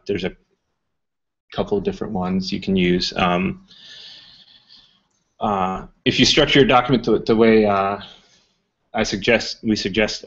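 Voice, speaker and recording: A man presenting a casual technical talk, relaxed, with many ums and uhs. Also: lowish voice. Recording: muffled talk recording.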